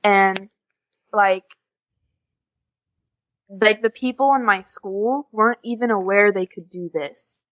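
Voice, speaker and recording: A young American woman, an exchange student guesting on a podcast, tells lively stories in a casual interview chat, animated with quoted dialogue and frequent giggles. She speaks at medium pitch and a slow pace with long pauses, and the lo-fi audio sounds slightly dull.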